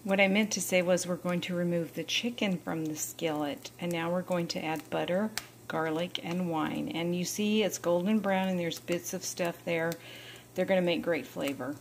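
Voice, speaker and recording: A woman's voice: fairly low pitch, fairly even intonation, normal speed, slight background noise, poor audio. A woman narrating a home cooking vlog in a friendly, explanatory way, recorded in her kitchen with a handheld camera. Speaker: cooking vlogger.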